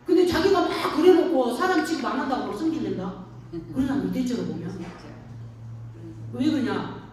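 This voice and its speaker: Woman pastor, folksy call-and-response sermon, slightly high voice, distant mic in a reverberant room. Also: animated, moderate pace, a little mellow. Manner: folksy storytelling, frequent call-and-response questions. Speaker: pastor at an elder care center. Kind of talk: sermon to elderly congregation. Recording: echoey room, distant mic, faint noise.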